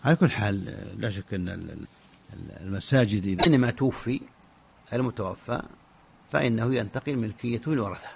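A man with a low, gravelly and husky voice gives religious rulings to radio listeners. He talks fast but halts and restarts his words often. The recording is dull and lo-fi. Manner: halting, many restarts and repeated syllables. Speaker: Islamic scholar answering listener questions.

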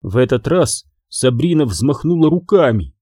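A man reading a children's fantasy audiobook in measured storytelling. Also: medium pitch, very animated, dark tone, breathy edge, no room sound, clean studio sound. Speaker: audiobook narrator. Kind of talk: scripted audiobook narration.

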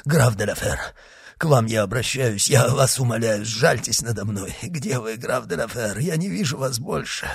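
A man's voice: mid-range voice, expressive, moderate pace, gravelly, husky, no room sound, clean studio sound, full character voice. A man voicing a desperate male villain who begs frantically for rescue. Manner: frantic, begging cries.

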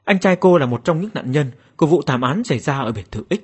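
A man's voice: a little high, lively intonation, fast talker, husky. A man voicing a formal police investigator calling a victim's family in a horror story. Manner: formal, official questioning.

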